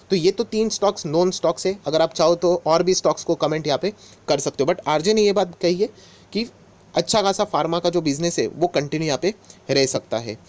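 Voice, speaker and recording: A man explaining stock market news to his viewers in a casual, conversational way. He talks to them directly as friends and keeps repeating the same filler phrases. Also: a little high. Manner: conversational, mixes English words into Hindi, repeats filler phrases.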